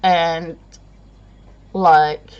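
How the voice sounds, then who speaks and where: A woman's voice: fairly low pitch, little pitch movement, drawn-out words, smooth, muffled recording. A tired woman chatting to camera in a rambling, self-deprecating way, laughing often. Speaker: vlogger. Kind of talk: casual chat to camera.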